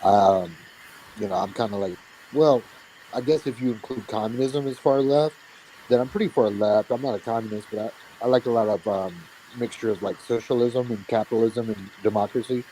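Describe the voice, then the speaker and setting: Skeptical man, low mellow voice, calm hesitant talk, faint background noise. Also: fairly quick, low-quality recording. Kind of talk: live chat.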